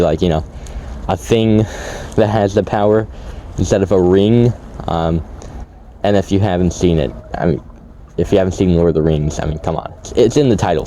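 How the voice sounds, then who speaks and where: A man's voice: sits low, dark tone, a little hiss or hum. A man vlogging outdoors by a creek in casual, rambling talk with lots of fillers, shivering from the cold so his voice cracks. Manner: rambling, many fillers and restarts. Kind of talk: casual vlog narration.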